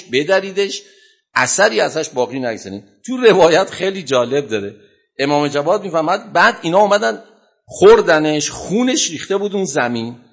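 A man preaching a sermon, retelling a religious story dramatically with sudden loud bursts. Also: medium pitch, slightly rough.

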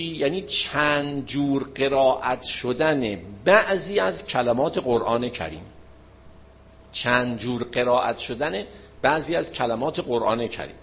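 A man giving an informal religious lesson, explaining points and asking and answering his own questions. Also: medium pitch. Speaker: religious teacher.

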